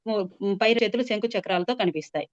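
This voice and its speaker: A woman telling a devotional story in an unhurried, chatty way, explaining as she goes with many filler sounds. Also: mid-range voice, dry recording. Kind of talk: conversational religious storytelling. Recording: dull, dry sound.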